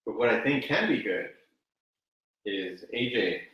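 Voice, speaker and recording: A man's voice: fairly low pitch, expressive, a little slow, a bit bright, highs cut off. A man hosting a podcast, chatting casually and easygoing. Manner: easygoing, laughs readily. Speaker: podcast host. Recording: echoey room, distant mic, faint noise.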